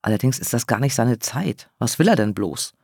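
A man's voice: medium pitch, lively intonation, normal speed, gravelly, a little mellow, dry recording, studio quality. Man playing a stern, riled old woman. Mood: tense hiss. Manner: hissed, tense whisper. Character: stern, house-proud older woman, easily riled.

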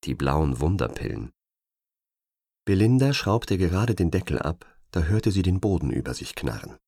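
A deep, low male voice narrating an audiobook with lively, wide-ranging intonation. The reading is suspenseful and expressive. The recording is dry and close, with no room sound. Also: moderate pace, vocal fry, slightly rough, no echo. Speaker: audiobook reader.

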